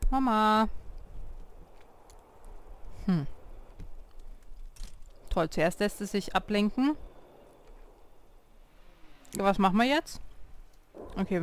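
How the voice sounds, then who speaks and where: A woman's voice: mid-range voice, slow, long pauses. A woman hosting a life-sim let's play, chatting casually, talking to her game characters and reading menu options aloud. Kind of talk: casual gameplay commentary. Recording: clear game music behind the voice.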